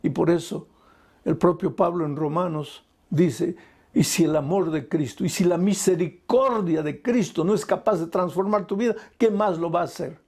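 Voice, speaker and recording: A man preaching an evangelistic sermon as a pastor, pleading and impassioned, swinging between loud and soft, calling the listener "dear". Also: high-pitched, normal speed, husky. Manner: addresses listener as "querido".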